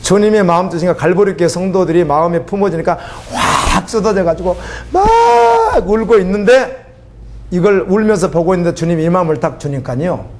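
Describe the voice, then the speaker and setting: A man's voice: high-pitched, quick pace, hardly any pauses, slight background noise. A man preaching a sermon as a pastor, emotional and pleading, his voice rising into fervent cries.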